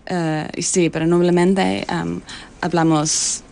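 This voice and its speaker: A woman with an Irish accent and English as her first language, speaking halting Spanish in an interview, searching for words and slipping into English. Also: lowish voice. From Ireland. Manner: giggly, laughs often. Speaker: interview guest, Gaelic football coach. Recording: clear steady background noise.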